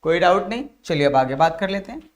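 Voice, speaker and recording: A man's voice: sits high, expressive, quick pace. A man teaching Hindi grammar for an exam, drilling students by asking each question again and again and then answering it himself. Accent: Bihari Hindi. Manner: addresses viewers as dear children. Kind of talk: exam-prep lesson.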